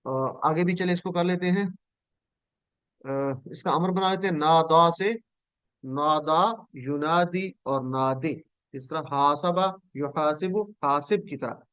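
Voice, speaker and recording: Slowly and carefully, a man teaching Quranic Arabic over a video call pronounces each verb form, then pauses for his students to repeat it. The audio is dull and captured dry and close, and his voice is somewhat high, smooth, and a bit bright, his manner patient throughout.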